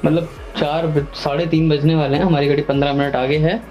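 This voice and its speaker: A playful young man in his twenties films a casual vlog around his family home, talking straight to his viewers. His voice sits a little high for a man, and music plays underneath him. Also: little pitch movement, brisk, lo-fi sound. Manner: chatty and playful, narrating to viewers, mixing in English words. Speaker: vlogger. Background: background music.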